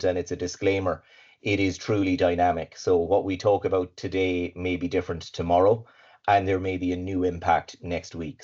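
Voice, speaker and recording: An Irish supply chain consultant appears as a guest speaker on a webinar, his low, raspy, darkish voice slightly congested from hay fever. He's upbeat and fluent, though he uses filler words and repeats himself, and the video call audio sounds dull and lo-fi.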